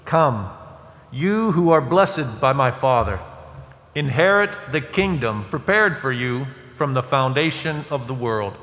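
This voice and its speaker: A male priest reading the Gospel aloud in measured, formal phrases, with cathedral echo around his voice. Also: fairly high pitch, a bit bright. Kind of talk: liturgical Scripture reading. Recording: echoey church with long reverb.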